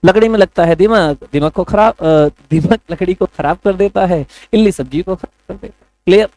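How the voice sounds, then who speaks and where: A man's voice: sits high, moderate pace, a little mellow, dry recording, low-quality recording. A man teaching an online exam coaching class, chatty and joking, talking to his students as kids and brothers. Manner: chatty, joking, addresses students as beta and bhaiya.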